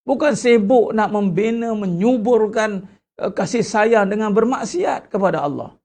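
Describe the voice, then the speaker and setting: A religious teacher with a Malaysian Malay accent giving an animated lecture, full of rhetorical questions and acted-out prayers. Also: mid-range voice, measured pace.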